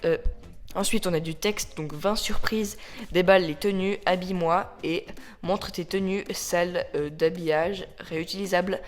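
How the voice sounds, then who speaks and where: Casting note: casual home toy-review vlogger, mid-range voice, loose and rambling, keeps self-correcting, mixes in English words, phone mic, soft music under. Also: medium pitch, steady tone, moderate pace. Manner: rambling and chatty, often correcting itself. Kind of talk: casual unboxing-style review. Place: at home with a ring light. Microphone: phone camera.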